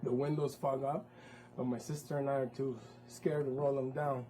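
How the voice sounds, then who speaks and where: A man's voice: medium pitch, flat delivery, moderate pace, mellow, faint music behind, poor audio. A man narrating his own story in a one-man stage show, vivid and with wry asides. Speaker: performer.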